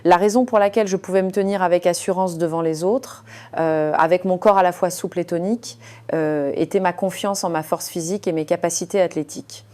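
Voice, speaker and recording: A woman reading a first-person story aloud in a calm, scripted way, with frequent small hesitations. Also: on the low side, a little fast. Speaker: narrator.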